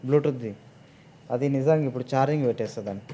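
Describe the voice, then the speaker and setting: A woman's voice: a bass voice, very fast, mellow, muffled recording, slight background noise. A woman with a Telangana Telugu accent, chatting casually with family at a village home and coaxing the children. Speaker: vlogger.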